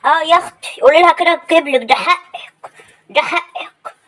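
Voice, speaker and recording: A very high-pitched, fast-talking Egyptian mother-in-law , played by a woman in a comedy sketch. She nags and scolds without pause, ordering everyone around and complaining endlessly. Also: a bit bright. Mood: bossy. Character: nagging, demanding older mother-in-law.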